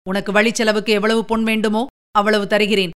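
A woman reading the part of a stern older male fort commander, speaking with command and a slightly lowered voice. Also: level tone, a little fast, smooth, lightly acted.

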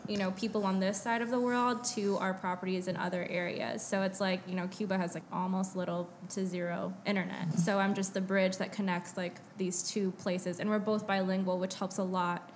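A woman's voice: mid-range voice, little pitch movement, normal speed, few pauses, a little hiss or hum. A woman guest on a podcast, explaining her business in a casual, easygoing way with lots of "like" and "you know.". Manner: easygoing, filler-heavy explaining. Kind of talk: casual chat.

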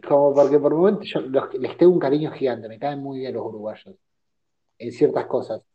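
A man's voice: mid-range voice, fairly even intonation, a little fast. A man with an Argentine Spanish accent, bantering and joking in a casual chat. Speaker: podcast co-host. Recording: dull lo-fi audio.

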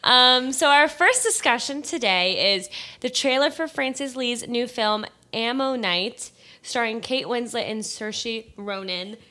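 A woman's voice: a little high, a little slow, bright, forceful tone. A young woman co-hosting a podcast in casual chat, a rambling storyteller who laughs easily. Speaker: podcast co-host.

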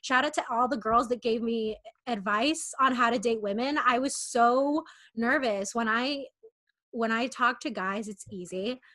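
A woman's voice: fairly high pitch, a little slow, sharp tone. Chatty woman in her twenties, rambling. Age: 20s. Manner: candid, rambling, lots of fillers and restarts. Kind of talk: casual chat.

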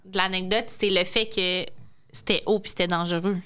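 A woman's voice: lowish voice, steady tone, normal speed, bright, forceful tone, clear, resonant tone. A woman who teaches French, a guest chatting casually on a podcast, with a Quebec French accent, teasing and laughing often. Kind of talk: casual chat.

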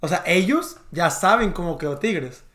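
A man's voice: high voice, expressive, moderate pace, fairly bright tone, echoey room. Guy grilling his friends. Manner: probing, pushes hypotheticals. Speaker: podcast co-host. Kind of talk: casual chat.

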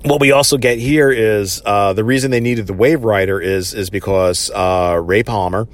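Male reviewer, lowish voice, loose unscripted episode recap full of fillers. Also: normal speed. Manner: rambling, lots of "you know" and "uh" fillers.

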